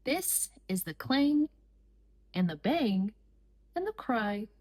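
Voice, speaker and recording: Reading a children's picture book aloud, a woman with a fairly high voice goes extremely slowly, using short, deliberate phrases separated by pauses, just like storytime for young listeners. Her delivery is sing-song and a little mellow.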